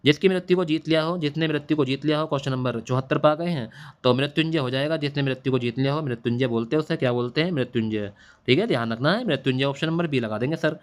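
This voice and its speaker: A man's voice: mid-range voice, quick pace. A male teacher giving an exam-prep Hindi lesson, repeating answers and quizzing students back on them. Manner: repetitive, drilling answers with quiz-back questions. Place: classroom or home studio at night. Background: faint hiss of a machine running nearby.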